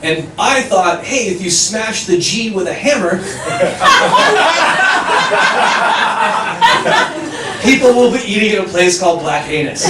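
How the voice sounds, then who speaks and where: This American comic has a rather high voice and delivers his self-deprecating, lively story very slowly, pausing often. It's a stand-up set recorded from a distant mic in an echoey club, with the audience audible.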